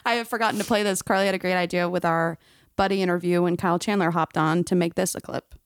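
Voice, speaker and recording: A woman's voice: fairly low pitch, steady tone, quick pace, smooth, no room sound. Woman, podcast co-host, casual chat, playful and giggly, dry close sound.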